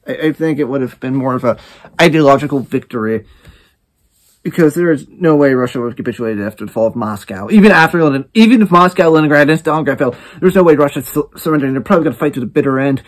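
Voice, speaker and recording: A man hosting a reaction video, giving casual commentary and thinking aloud with halting restarts. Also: mid-range voice, expressive.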